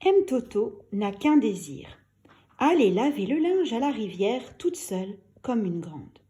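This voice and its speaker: Brief: expressive female narrator reading a children's tale aloud, high and animated. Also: measured pace. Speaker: storyteller. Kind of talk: children's story read aloud.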